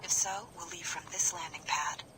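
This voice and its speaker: Woman doing a flat robotic pilot lady in a game, kinda low voice, noisy sound. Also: moderate pace, lightly acted. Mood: flat, dutiful. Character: stiff woman helicopter pilot, robotic and literal.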